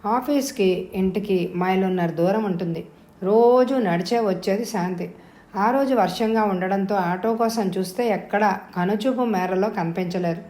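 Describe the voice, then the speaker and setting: Mellow woman narrating an audio novel. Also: medium pitch. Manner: steady, measured storytelling. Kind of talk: scripted narration. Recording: roomy echo.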